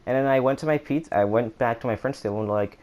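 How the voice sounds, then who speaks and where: A young man rambling through a casual storytime monologue, with many restarts, who acts out quotes in a higher voice. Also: quick pace, darkish tone. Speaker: vlogger.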